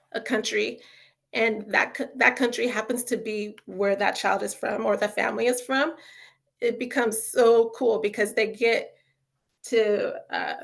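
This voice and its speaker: An author and educator presents a casual webinar, chatting away with plenty of fillers like "you know" and "um" and showing real enthusiasm for children's learning. Her voice is gravelly and a little high.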